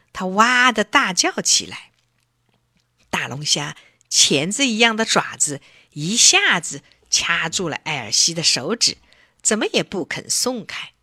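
A woman reading a children's story aloud in a gentle, expressive way. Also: lowish voice, husky, no room sound, studio quality.

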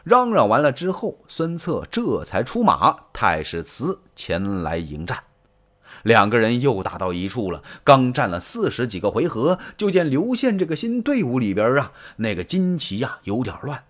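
Lively male storyteller, dramatic, colloquial, wide-ranging pitch. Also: normal speed. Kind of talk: traditional pingshu storytelling.

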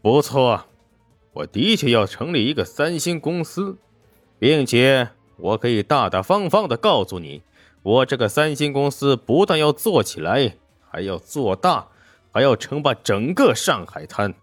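A man voicing a proud young male gangster who speaks in a cold, measured way, in an audio story. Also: medium pitch, very animated, dry recording, faint music behind.

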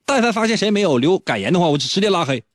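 A male radio host, telling a story on air in a playful, teasing way and often leaping into a high, excited pitch. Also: racing, dry recording, studio quality. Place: radio studio.

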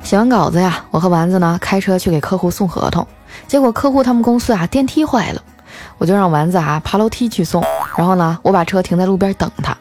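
A woman's voice: fairly low pitch, animated, fast talker, a little mellow, soft background music. A woman host telling a comic story in a wry, chatty, colloquial way.

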